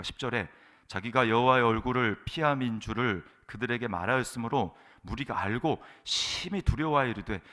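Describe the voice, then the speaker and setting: A man delivers a sermon as pastor of a church. His voice is bright and forceful, and he preaches emphatically, punctuating his points with rhetorical questions and frequent affirmations. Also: mid-range voice.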